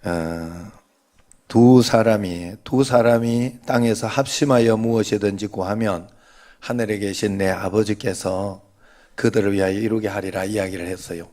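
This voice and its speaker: Male pastor, Gyeongsang accent, lower register, playful and chatty while preaching in church. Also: steady tone, unhurried, mellow. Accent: Gyeongsang Korean. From Gyeongsang region, Korea. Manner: joking, chatty, leads the congregation in greetings. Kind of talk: sermon with playful banter.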